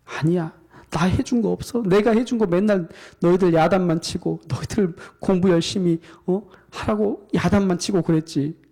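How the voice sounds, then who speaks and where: A tired, aging aunt speaks softly through tears, voiced by a male preacher. Her voice is warm and mellow. She consoles gently and takes the blame herself. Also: sits high, normal speed, few pauses, voice pushed up. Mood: remorseful. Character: weary aging aunt, tearful and remorseful.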